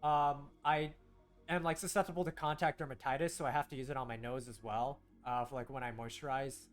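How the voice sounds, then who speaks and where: During a casual gameplay stream, a young man talks to his chat at a medium pitch and a fairly quick pace, his tone steady over faint background music. He grew up in the United States with Korean as his first language, and he rambles, often restarting sentences.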